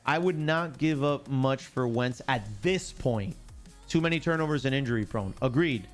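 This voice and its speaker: A man's voice: mid-range voice, normal speed, faint music behind. A man hosting a casual live sports stream, chatting and joking with viewers and reading chat aloud. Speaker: livestream sports show host.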